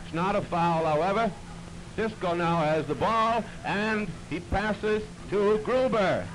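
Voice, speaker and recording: Heard through a hissy, noisy archive recording from the early 1930s, a man calls a basketball game play by play. His delivery is plain and steady, with a voice that sits high and moves slowly.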